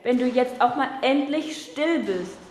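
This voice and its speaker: A woman's voice: high-pitched, expressive, unhurried, a little mellow, long reverb tail. A woman playing a proud, stubborn young nobleman who insists on who he is in an audio drama.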